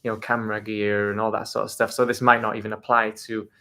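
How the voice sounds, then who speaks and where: A man's voice: fairly low pitch, level tone, fast, bright, forceful tone. A young man co-hosting a casual live travel Q&A, laid-back and hesitant with fillers. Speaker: travel vlogger co-host.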